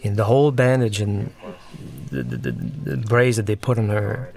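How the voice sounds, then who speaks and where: A man offers casual, reflective commentary on a film he made, explaining and rephrasing as he goes while the soundtrack's music and dialogue play underneath. His fairly low voice swings widely in pitch at normal speed, creaky and a little mellow, with slight hiss or hum.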